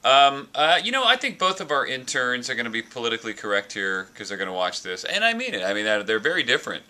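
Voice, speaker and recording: A man's voice: mid-range voice, very animated, quick pace, pushed and bright. A man who hosts a radio show, chatting offhand and rambling a bit about his interns. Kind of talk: casual chat.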